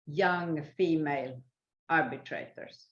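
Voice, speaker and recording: An older woman who is a native Swedish speaker answers interview questions as a senior guest, measured, halting, and thoughtful. Her voice is low-pitched, and the sound is dull and lo-fi with a roomy echo.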